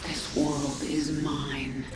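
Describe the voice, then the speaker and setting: A woman's voice: deep voice, flat delivery, extremely slow, very noisy. Commanding alien queen, terse imperious orders, game acting, distant echoing voice. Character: cold, commanding alien queen of an insect-like swarm. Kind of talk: dramatic video game acting. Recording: echoey, distant, under loud music.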